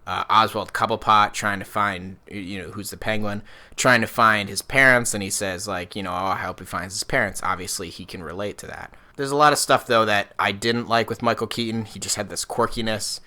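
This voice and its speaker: A man's voice: lowish voice, steady tone, fairly quick, pushed and bright. A man co-hosting a podcast in a casual, opinionated chat, often restarting his sentences. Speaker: podcast co-host.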